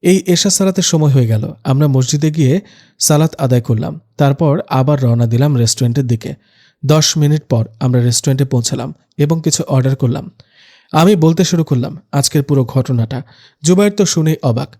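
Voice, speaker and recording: Mellow young man narrating a story. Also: mid-range voice, brisk. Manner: gentle, storytelling, light humor. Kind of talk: first-person story narration.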